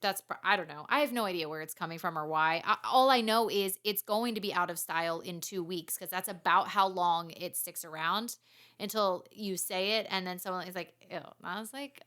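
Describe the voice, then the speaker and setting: Bright-voiced chatty woman host. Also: on the low side, fairly quick. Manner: chatty and self-mocking, laughs often. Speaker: podcast host. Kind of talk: casual chat.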